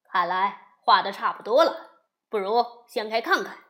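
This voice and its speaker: Smug older male demon king, played by a woman: loud, low-set, self-satisfied. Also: lively intonation, moderate pace, natural voice.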